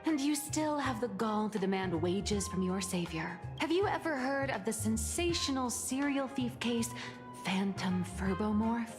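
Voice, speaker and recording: A woman's voice: fairly high pitch, expressive, measured pace. A woman voicing a smug, scheming Furbo magazine boss in a game cutscene. She talks in a theatrical, self-satisfied way. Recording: reverberant with game music.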